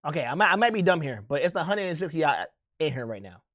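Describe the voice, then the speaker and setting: A man streaming and chatting casually with his viewers, speaking in a slangy drawl that often trails off quietly. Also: on the high side, big pitch swings, fast talker, a little hiss or hum. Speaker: streamer reacting to a video. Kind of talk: casual chat.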